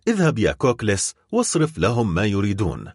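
A dignified shipowner near ruin, his voice quavering as he fights to keep it steady, as a male reader puts him on. The delivery is husky and rises and falls a lot. It sounds close and dry. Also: on the low side, brisk, no echo, full character voice. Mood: grave. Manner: trembling voice held steady.

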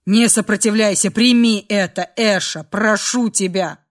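A woman's voice: a little slow, lightly acted. A woman voicing a stern, brooding man who pleads with his lover. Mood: pleading. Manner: low, pleading then commanding.

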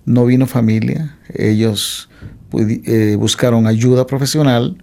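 Gravelly-voiced man telling his life story. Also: mid-range voice, fairly even intonation, a little slow, dark tone. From Mexico. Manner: hesitant, with frequent "eh" fillers and restarts. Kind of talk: testimony in an interview.

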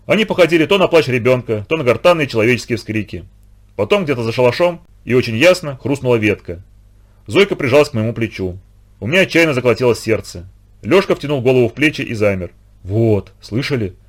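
Brief: male storybook narrator, lively rising and falling delivery, mid-pitched voice. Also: fast.

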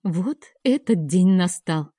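A woman reading an audiobook, voicing a joyful older female friend who speaks slowly and exclaims. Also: fairly low pitch, animated, mellow, breathy edge, dry recording, studio quality, exaggerated voice.

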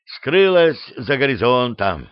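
A bewildered young adventurer firing off quick questions, as a male narrator puts him on. Plain mid-range voice, recorded dry with a dull, lo-fi tone. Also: mid-range voice, big pitch swings, clear, resonant tone, no echo.

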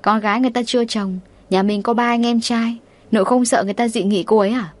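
A woman's voice: a little high, steady tone, quick pace, close to an everyday voice. A woman reading the lines of a stern, determined young husband from a wealthy family in an audiobook. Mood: persuasive. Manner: firm, quietly determined.

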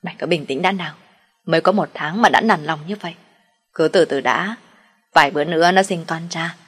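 A woman's voice: low-pitched, a little fast, slightly rough. A woman voicing a middle-aged mother who nags and coaxes her grown son. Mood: coaxing. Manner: nagging, then soothing.

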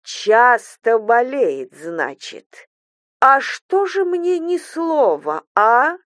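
A woman voicing a cruel older mother-in-law who speaks slowly, coldly and with contempt, in a hissing, venomous manner. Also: medium pitch, animated, no echo, close to an everyday voice. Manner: slow, cold, hissing and contemptuous.

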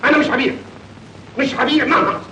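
A proud old Egyptian bey. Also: male voice, very high-pitched, fairly even intonation, rapid-fire, pushed and bright, echoey room, a little hiss or hum, low-quality recording. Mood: indignant. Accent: Egyptian Arabic. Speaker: factory owner bey. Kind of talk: 1940s film acting.

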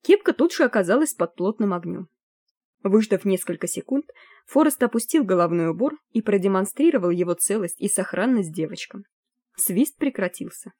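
A woman reading a storybook aloud in a lively, expressive way on a close studio mic. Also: medium pitch, moderate pace, breathy edge, dry recording. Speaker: audiobook narrator. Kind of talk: audiobook narration.

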